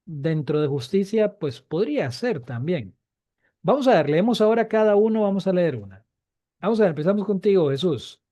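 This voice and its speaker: A man's voice: high voice, animated, normal speed, dark tone, dry recording. A man teaching Biblical Hebrew, repeating key points and asking his students questions. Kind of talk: online class lesson.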